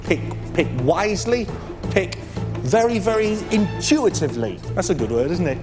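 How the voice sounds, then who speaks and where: A man hosts a TV quiz show with a high, animated voice at normal speed, jocular and bantering with contestants in an upbeat presenter's style. Loud music and a studio audience sound behind him.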